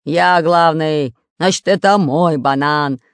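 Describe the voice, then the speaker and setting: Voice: mid-range voice, takes it slowly, smooth, no room sound, studio quality. A reader voicing a grumpy, bossy fat red-bearded pirate captain in a storybook reading, with a growling manner.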